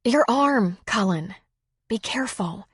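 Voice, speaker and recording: Woman voicing a playful young woman, light, higher-pitched, teasing, soft, audiobook. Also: lively intonation, takes it slowly, breathy edge, dry recording, clean studio sound, exaggerated voice. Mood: coaxing.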